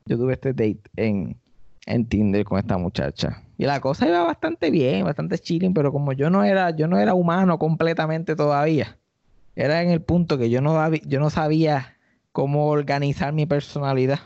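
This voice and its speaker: A man's voice: normal speed, creaky, no room sound. A man with a Puerto Rican accent, a podcast host and stand-up comedian, telling a story in casual comic style and acting out the people in it. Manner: animated, acts out quoted people in high voices. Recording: dry, slightly dull podcast audio.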